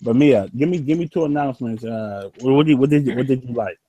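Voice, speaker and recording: A man's voice: medium pitch, quick pace, mellow, husky, highs cut off. A man hosting a casual gaming podcast, laid-back, laughing often and repeating his words as he talks. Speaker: podcast host.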